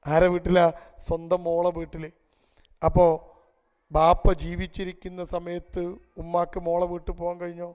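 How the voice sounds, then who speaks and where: A man speaks to a gathered audience in a high, smooth, resonant voice. He tells stories and turns to the crowd with rhetorical questions. His voice carries a long reverb from a large hall. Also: completely flat delivery, moderate pace, pauses often, a little mellow. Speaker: public speaker. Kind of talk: storytelling family talk to an audience. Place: event hall before a live audience.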